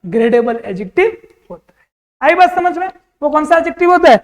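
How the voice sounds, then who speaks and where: A high-voiced man teaches an exam-prep grammar lesson. He keeps asking the class questions and answering them himself. His voice rings out with a long reverb, as if in a hall. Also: big pitch swings, fairly quick.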